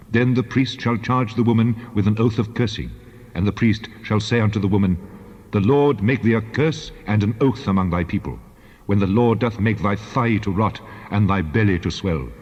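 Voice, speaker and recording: A solemn, commanding God played by a man pronounces law in a low, husky voice. The delivery is measured and authoritative, in the manner of dramatized scripture, and it rings out in a long hall reverb. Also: close to an everyday voice. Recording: long hall reverb, dull band-limited sound.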